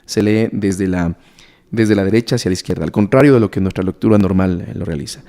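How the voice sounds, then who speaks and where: A deep, warm male voice moves fairly quickly as he preaches and teaches the Bible before a gathered crowd. He keeps asking questions of those listening and hammers home his points by repeating key words, sermon-style.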